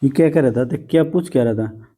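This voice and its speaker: A man's voice: mid-range voice, quick pace, dark tone, breathy edge. A man teaching a math lesson to students, patient and coaxing, often calling them "beta" and teasing them a little.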